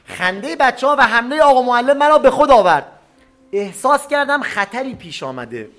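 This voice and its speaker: High-voiced man reading a story aloud. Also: very animated, sharp tone. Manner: stops to explain old words in plain speech.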